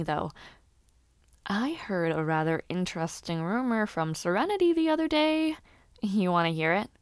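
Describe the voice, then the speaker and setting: In a fantasy audio roleplay, a young woman plays a lively noblewoman who aspires to be a knight, chatting with the listener in a teasing, expressive, conversational way. Her voice is mid-range, and the recording is dry and clean, studio quality.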